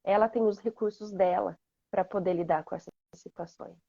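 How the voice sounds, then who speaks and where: A woman's voice: medium pitch, fairly even intonation, normal speed, vocal fry, mellow, dry recording. Reflective woman with a dull lo-fi sound. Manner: reflective, earnest, many fillers. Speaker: guest. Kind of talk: casual chat.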